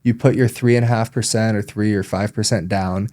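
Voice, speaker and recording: A man who works as a loan officer, explaining things in a relaxed podcast chat with frequent ums. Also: lowish voice, brisk.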